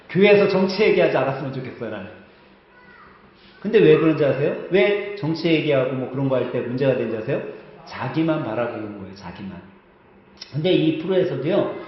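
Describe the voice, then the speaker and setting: A male pastor preaches in a church sanctuary, his somewhat high voice ringing through a very echoey hall. He tells a story in a chatty way, puts questions to the congregation, and acts out the lines of the people in it. The recording sounds dull and muffled. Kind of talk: sermon.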